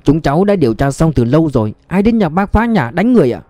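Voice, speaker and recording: A man's voice: on the high side, big pitch swings, fast talker, warm tone, no echo, pitched above the performer's own voice. A man doing a blunt, hot-tempered police chief. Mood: firm, questioning. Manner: blunt, angry.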